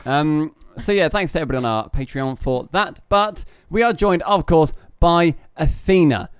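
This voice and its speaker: A man's voice: a little high, normal speed, clean tone, dry recording. A man hosting a casual podcast, joking and teasing his guests. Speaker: podcast host.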